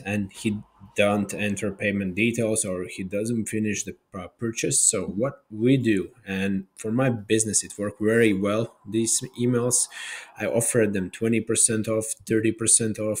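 A man in his thirties giving a plain, practical screen-share software tutorial, with small grammar slips, recorded at his desk by webcam. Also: lowish voice, breathy edge. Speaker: tutorial host. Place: indoor room, webcam overlay.

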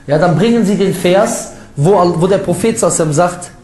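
A man giving an informal religious lecture that rebuts critics, lively and mocking, with ironic asides and quick laughs. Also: sits high. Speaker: Islamic preacher. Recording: echoey room sound.

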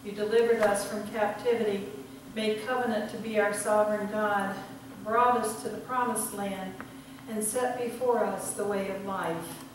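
A woman in her sixties leading church liturgy as pastor, speaking in measured, solemn short phrases with a cathedral-like echo. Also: medium pitch, steady tone. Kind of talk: prayer and communion liturgy. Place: church sanctuary, indoors at the altar. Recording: very echoey church, distant mic, background noise.

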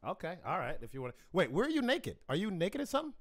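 Lively, teasing male podcast host. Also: high-pitched, rapid-fire. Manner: joking, teasing, laughs often. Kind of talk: casual interview banter.

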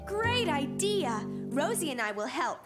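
Cheerful, encouraging young cartoon babysitter, high-pitched, with prominent music behind. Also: female voice, sing-song, a little slow. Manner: upbeat, encouraging. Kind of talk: children's cartoon acting.

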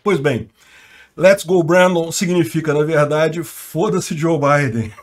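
A man's voice: on the high side, takes it slowly. A Brazilian man with a slightly raised voice hosts his own channel and runs through the news in loose, casual commentary. He talks in slang and keeps breaking into laughter between his points. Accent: Brazilian Portuguese. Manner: chatty, laughs often, slangy. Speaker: channel host.

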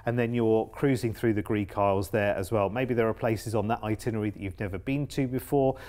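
A man's voice: lowish voice, fairly even intonation, a little fast, warm tone. Upbeat male cruise sales presenter. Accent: English. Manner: upbeat sales patter, repeats words for emphasis. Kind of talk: TV shopping channel presenting.

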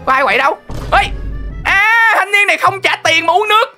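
A young woman, hosting a gaming channel with excited, exclamatory running commentary on the game. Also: very high voice, fairly quick. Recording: faint game music behind.

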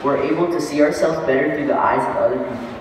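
A man's voice: on the high side, quick pace, natural voice. A young man playing an earnest, preachy support-group leader in an amateur stage skit. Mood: preachy, instructive. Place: large event tent stage, distant camera. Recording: echoey tent stage from far off, faint noise.

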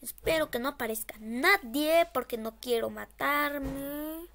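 A scared woman streamer commentating casually on a horror game. Her voice is high and bright, and she takes her time. She nervously repeats short phrases as she plays. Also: unhurried.

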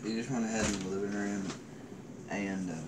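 A man's voice: on the low side, little pitch movement, a little fast. A young man chatting in an informal, slangy way in a small room, caught on a phone. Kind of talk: casual chat. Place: small dim bedroom indoors. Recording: noisy phone recording in room.

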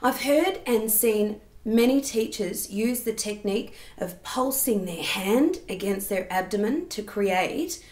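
A woman's voice: medium pitch, animated, slow pace, hardly any pauses, darkish tone. A woman giving a singing lesson, explaining technique and demonstrating sounds. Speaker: singing teacher. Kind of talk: vocal lesson. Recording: roomy echo.

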